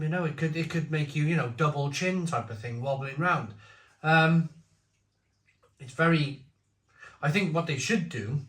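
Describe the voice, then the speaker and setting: A man in his forties gives a casual, opinionated beer review, speaking bluntly and wandering into rambling asides. His voice runs on the high side and is slightly bright, and the recording has a roomy echo.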